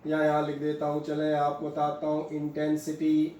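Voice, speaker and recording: A man's voice: fairly high pitch, completely flat delivery, unhurried, warm tone, highs cut off. A man teaching a physics class, explaining step by step and asking and answering his own questions. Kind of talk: classroom lecture, mixing Hindi and English. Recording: echoey room with faint hum.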